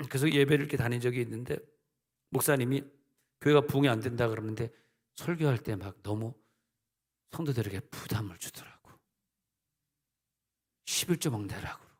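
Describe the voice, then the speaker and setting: A middle-aged senior pastor preaches a sermon in a church sanctuary, his mid-range voice moving a little fast with frequent pauses and a breathy edge. He rises emphatically and drops into conversational asides, all carried by the long reverb of the church hall.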